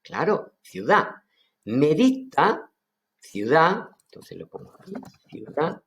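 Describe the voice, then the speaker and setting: A man from Seville with an Andalusian accent, teaching an online language lesson and enthusiastically explaining words, repeating them slowly. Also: fairly high pitch, big pitch swings. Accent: Andalusian Spanish. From Seville, Spain. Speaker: Aramaic teacher.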